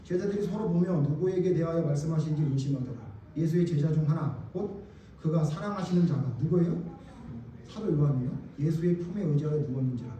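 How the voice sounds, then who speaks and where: A man's voice: a little high, a little fast, mellow, muffled recording, a little hiss or hum. A male pastor preaching a sermon in a church, emphatic and colloquial, often firing questions at the congregation. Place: church sanctuary. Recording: very echoey hall, mic far off.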